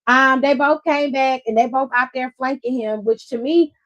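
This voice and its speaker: Woman host with a high voice, blunt and sassy, swearing and laughing through a casual recap. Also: normal speed, a bit bright, lo-fi sound. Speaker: host of a wrestling after-show. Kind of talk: casual livestream recap chat.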